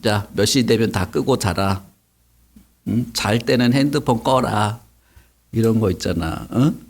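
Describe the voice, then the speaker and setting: A man's voice: fairly low pitch, measured pace, gravelly. A man teaching a Sunday school sermon to children, asking them questions as he goes. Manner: animated, asks the kids questions.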